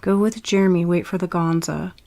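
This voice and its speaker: A woman voicing a calm alien captor, who speaks in a reassuring way. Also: on the low side, a little fast, creaky. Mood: firm.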